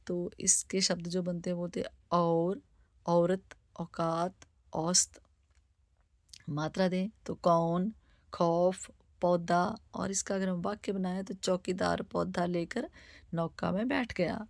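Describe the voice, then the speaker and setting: A woman teaching vowels, reading words out slowly one by one as a teacher. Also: on the low side, fairly even intonation, creaky, dry recording, clean studio sound. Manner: slow, deliberate word-by-word reading. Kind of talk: slow spoken Hindi alphabet lesson.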